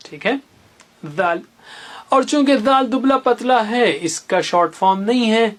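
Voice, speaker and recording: A teacher giving a beginner's tajweed lesson, explaining letters through little memory stories and repeating each sound patiently. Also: mid-range voice. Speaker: Quran teacher.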